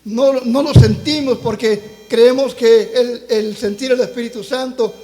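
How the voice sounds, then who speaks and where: A man preaching in a church with a strikingly high voice that rings out with long reverb. He tells his testimony with fervent, storytelling passion and keeps turning to the congregation as brothers and sisters. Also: fairly even intonation, measured pace, dark tone. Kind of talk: sermon with personal testimony. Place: church sanctuary.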